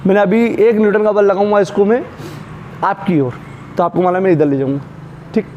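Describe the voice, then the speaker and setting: High-voiced man teaching physics. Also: fairly quick, a little mellow, lo-fi sound, a little hiss or hum. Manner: repetitive, asks students questions and answers them; calls students "beta" and "bhaiya", handles props while explaining. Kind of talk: classroom lecture.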